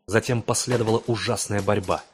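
A man reading a horror tale in a measured, dramatic storytelling voice. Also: on the low side, fairly even intonation, slight background noise. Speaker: audiobook narrator. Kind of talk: scripted dramatic narration.

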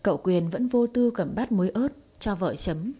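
A woman reading a romance story aloud in an even, smooth storytelling manner. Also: medium pitch, moderate pace. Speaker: story narrator. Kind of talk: scripted narration of a romance story.

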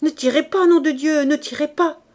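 A woman reading a novel aloud, voicing a delirious, terrified working-class drunk who shouts rough slang in a hoarse voice. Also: lively intonation, measured pace. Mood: frantic. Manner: loud slangy outbursts, raised pitch. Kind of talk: audiobook character voice.

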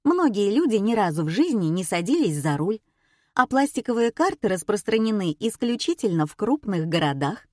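A woman narrating an audiobook in the first person, wry and even. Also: medium pitch, normal speed, no room sound, clean studio sound.

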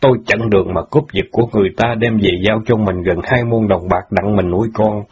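A jilted middle-aged husband, played by a man, bitter and quick to anger, pleading with the wife who left him. He speaks in a low, husky voice. The audio story sounds dull and lo-fi. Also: steady tone.

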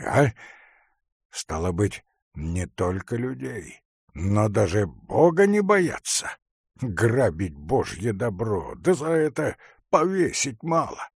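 A frightened, pious old forester , voiced by a man reading a story aloud, who complains and laments in a plaintive, sighing voice. He sounds a little husky and speaks slowly, and his pitch rises and falls a great deal. The recording is dry and close. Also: no room sound, heavily acted.

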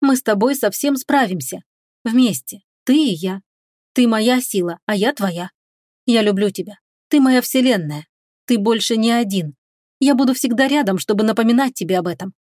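A woman's voice: on the high side, normal speed, no echo, studio quality, close to an everyday voice. Woman doing a tender whispering young woman. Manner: soft, gentle, whispering. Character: tender young woman comforting her grieving lover.

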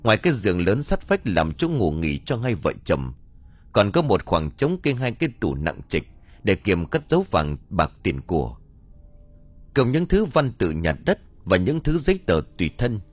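A man narrating a ghost story audiobook with dramatic, expressive delivery. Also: fairly low pitch, normal speed, no room sound.

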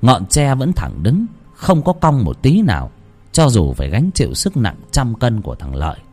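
Expressive male ghost-story narrator, music behind. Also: mid-range voice, normal speed. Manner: expressive, varied delivery.

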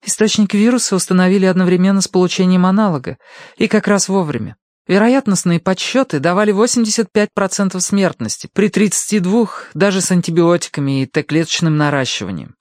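Brisk young nurse, high and quick, voiced by a man. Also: dry recording, clean studio sound. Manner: quick, businesslike.

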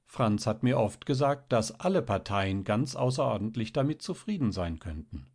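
A man's voice: fairly low pitch, expressive, moderate pace, darkish tone. A man voicing a cheerful, chatty young married woman in a read-aloud story, with a lightly raised voice. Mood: amused.

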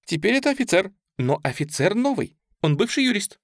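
A man's voice: high voice, big pitch swings, fairly quick, dry recording, studio quality, voice pushed up. A man reading a story, voicing a flighty, theatrical young woman who gushes and preaches. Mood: gushing. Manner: gushing, theatrical, declaiming.

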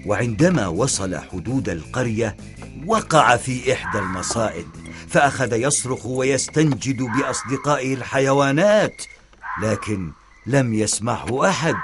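A man narrating a children's story in a measured, expressive storytelling manner. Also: medium pitch.

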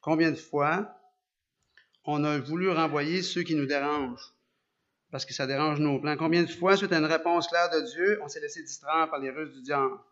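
A man with a Quebec French accent preaching a sermon, animated, asking rhetorical questions and often restarting his sentences. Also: a little high, normal speed. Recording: dull lo-fi recording.

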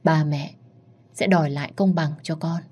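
Woman doing a gentle comforting father. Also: low-pitched, steady tone, moderate pace, slightly rough. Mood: reassuring. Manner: gentle, reassuring.

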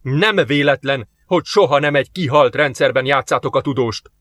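A man's voice: mid-range voice, a bit bright, no echo, close to an everyday voice. Man voicing a hostile alien warlord, curt commands, audiobook, dry sound. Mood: angry. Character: stern cold male alien warlord.

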